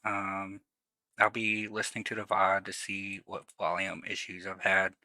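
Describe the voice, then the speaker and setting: A man's voice: deep voice, completely flat delivery, a little slow, bright, forceful tone, no echo, poor audio. A man with a lisp streaming from home, talking casually and rambling about his tech setup, swearing now and then. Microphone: new desk microphone. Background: faint music.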